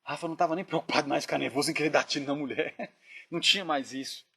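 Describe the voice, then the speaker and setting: A man earnestly retelling a dream in casual storytelling, often dropping his voice to a hush. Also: a little high, fast talker, vocal fry, husky. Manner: earnest, drops to hushed tones when reliving tense moments. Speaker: dream narrator.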